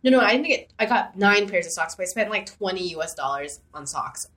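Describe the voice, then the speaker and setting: A woman's voice: mid-range voice, expressive, brisk, fairly bright tone. A young woman co-hosting a podcast in casual chat, rambling with many fillers and restarts. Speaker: podcast co-host.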